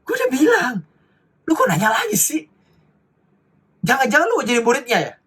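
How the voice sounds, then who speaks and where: A man's voice: very high-pitched, huge pitch swings, a little fast, fairly bright tone, husky, voice pushed up, exaggerated voice. A man voicing a cheeky, snappy man born blind who answers back in exasperated street slang. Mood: snippy.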